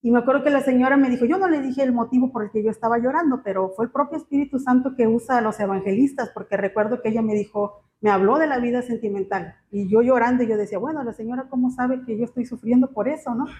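A woman gives a personal church testimony, speaking in a halting, emotional way with many fillers. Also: on the high side, darkish tone. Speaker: church member giving testimony. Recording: muffled, slightly noisy.

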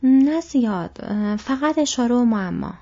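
Thoughtful young male hobbit, voiced by a woman, soft and troubled, mellow tone. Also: high voice, expressive, slightly rough, pitched above the performer's own voice, full character voice. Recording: dull lo-fi recording.

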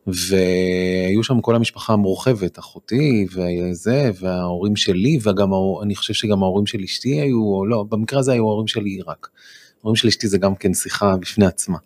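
A man in his forties, telling a personal story as a guest on a studio podcast, halting with many fillers and restarts. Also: fairly low pitch, darkish tone. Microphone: studio microphone.

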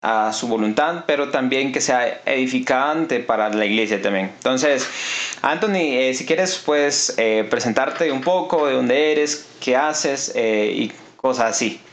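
A man hosting a church podcast in a casual, halting way with many fillers. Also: medium pitch. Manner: hesitant, many fillers and restarts. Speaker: podcast host. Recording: echoey room.

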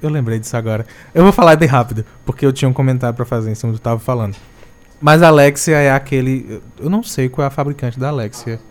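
A man's voice: medium pitch, fast. Chatty man telling a story. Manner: chatty storyteller, self-correcting, joking asides. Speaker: co-host. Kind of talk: casual discussion on a live stream.

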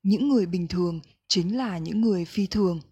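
Breathy woman reading gently. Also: on the low side, fairly quick. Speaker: book reader. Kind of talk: calm reflective book reading.

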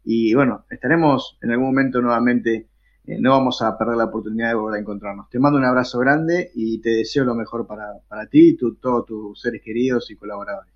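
Halting man, lo-fi sound. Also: medium pitch, steady tone. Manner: warm, halting, restarts often. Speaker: host. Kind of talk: casual interview chat. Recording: dull lo-fi sound.

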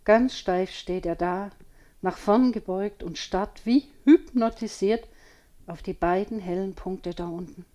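A woman reading a children's story aloud with slow, expressive storytelling. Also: mid-range voice, lo-fi sound. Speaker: audiobook reader.

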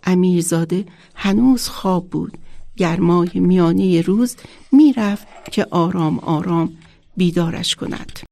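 Woman author reading a story, slightly gravelly. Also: on the low side. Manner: measured, expressive storytelling. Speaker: children's author. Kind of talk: reading her own children's story aloud.

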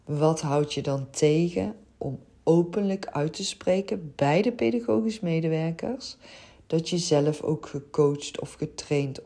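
A woman's voice: low-pitched, dark tone. A middle-aged woman from the Netherlands hosting a podcast, talking in an earnest, open way with frequent hesitations. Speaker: podcast host and childcare coach. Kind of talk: reflective podcast monologue.

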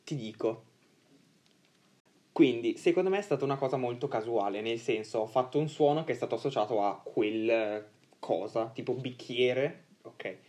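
Young female podcast co-host, extremely low pitch, blunt, emphatic, casual explainer among friends. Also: normal speed, mellow. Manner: blunt, foul-mouthed, emphatic.

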